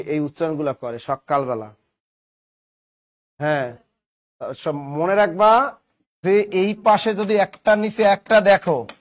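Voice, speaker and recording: A man teaching grammar in a classroom lesson, asking questions and answering them himself with playful examples. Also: fairly high pitch. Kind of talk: classroom lesson with call-and-response.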